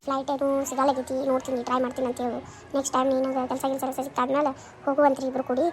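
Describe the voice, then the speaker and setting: A woman's voice: sits high, monotone, rapid-fire, natural voice. A woman playing a worried middle-aged mother in a comedy skit, with a North Karnataka Kannada accent, lecturing and nagging. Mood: advising. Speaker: skit actor.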